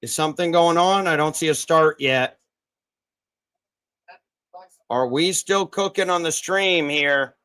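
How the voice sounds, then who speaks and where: Guy hosting a fight betting livestream, kinda high voice, gets hyped and cheers fighters on. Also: moderate pace, pushed and bright, smooth. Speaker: livestream host. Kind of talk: live fight betting commentary.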